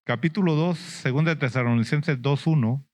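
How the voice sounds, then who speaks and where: A man's voice: medium pitch, normal speed, a little mellow. A man preaching a sermon as an apostle, questioning the congregation, prompting them with "mm?" and "ujú", and acting out lamenting believers in a whiny voice.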